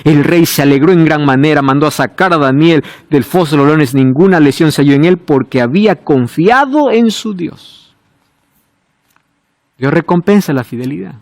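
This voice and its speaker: A male preacher giving a sermon, asking rhetorical questions and swinging between emphatic high points and quiet, low asides. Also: normal speed, no echo, clean studio sound.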